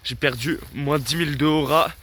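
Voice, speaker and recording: Chatty teen guy, slightly high voice. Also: moderate pace, pushed and bright, a little hiss or hum. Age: late teens. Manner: chatty, self-mocking, laughs often. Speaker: vlogger. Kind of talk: casual vlog chat.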